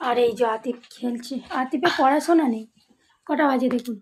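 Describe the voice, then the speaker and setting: A woman vlogging casually at home, tired from a sleepless night and keeping her voice soft. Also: high voice, brisk, breathy edge. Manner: chatty, talks softly to avoid waking the cat. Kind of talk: casual home vlog chat.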